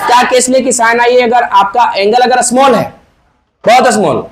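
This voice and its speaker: A man with a Hindi accent teaching physics to a class, firing questions and loudly prompting his students to answer in chorus. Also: very high voice, moderate pace. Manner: quizzing students, prompting answers, loud emphatic calls. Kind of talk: classroom lecture with call-and-response. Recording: noisy classroom with crowd.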